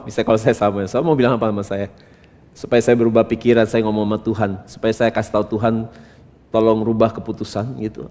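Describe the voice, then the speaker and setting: A male pastor preaching a sermon from Indonesia, asking rhetorical questions and swinging between quiet asides and loud emphatic bursts. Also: lowish voice. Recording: reverberant church hall.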